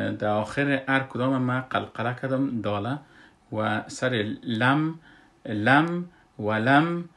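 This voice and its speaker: A man with an Afghan Dari accent teaching Quran recitation rules, speaking slowly with many hesitant fillers and breaking into drawn-out chanted recitation. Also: medium pitch. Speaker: tajweed teacher. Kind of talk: slow explanatory Quran recitation lesson.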